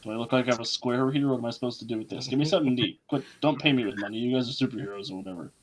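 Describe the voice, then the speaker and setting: A man voicing a hooded skeletal ferryman of the dead in a tabletop game, brusque, quick and demanding. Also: medium pitch, close to an everyday voice.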